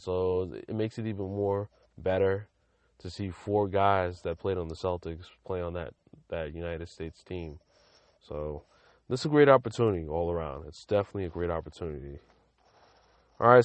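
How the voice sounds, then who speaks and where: A man's voice: low-pitched, no echo, highs cut off. A young man from Massachusetts, hosting a casual sports podcast in a rambling style full of fillers and restarts. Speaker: podcast host.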